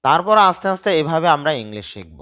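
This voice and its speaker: A man whose first language is Bengali, teaching an English lesson and slowly spelling out words and sounds. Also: a little high, big pitch swings, pushed and bright, smooth. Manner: spells out letters and drawn-out pronunciations, stressing syllables.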